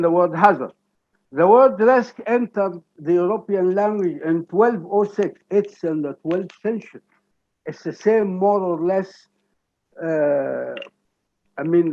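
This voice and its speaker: A man with an Egyptian Arabic accent giving an academic lecture, explaining deliberately and checking in with "okay?". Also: sits high, lo-fi sound.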